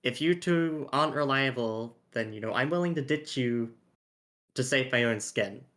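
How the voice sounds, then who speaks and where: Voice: medium pitch, normal speed, fairly bright tone, close to an everyday voice. A cold, stern mercenary woman from a tabletop game speaks in blunt, curt words, as a player puts her on. She is a hard, guarded fighter, unsmiling and impatient.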